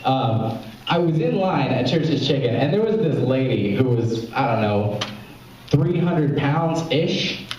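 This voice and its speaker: This young stand-up comedian from Memphis, Tennessee, US, rambles through an open mic set at a small club with a live audience, cutting off his own jokes and laughing at them. His mid-range voice is expressive and darkish, at a measured pace. Recorded from far off in a very echoey room, the audio has the highs cut off and slight background noise.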